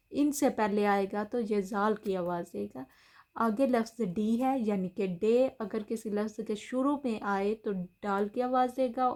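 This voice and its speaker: A woman gives a German pronunciation lesson, patiently explaining letter sounds in a voice on the high side with a dark tone. She often repeats herself, with small fillers and restarts.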